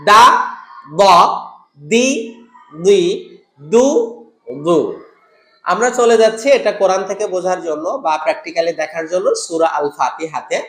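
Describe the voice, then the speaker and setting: A man's voice: high-pitched, fairly even intonation, a bit bright. Man, tajweed teacher, repeats syllables, roomy echo. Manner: drills letters, repeating syllables slowly. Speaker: Quran recitation teacher. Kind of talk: tajweed pronunciation lesson. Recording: echoey room.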